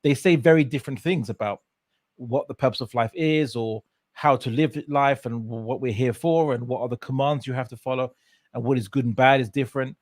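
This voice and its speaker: An interview guest from England shares his story in a relaxed, brisk way, his mid-range voice a little mellow. He hesitates, restarts, leans on fillers, and laughs often, all recorded with no echo.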